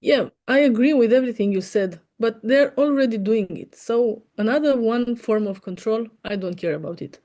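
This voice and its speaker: A woman's voice: fairly high pitch, normal speed, few pauses, dark tone. A woman from Denmark, an English speaker co-hosting a podcast, frank and earnest. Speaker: podcast co-host. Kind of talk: casual opinionated chat.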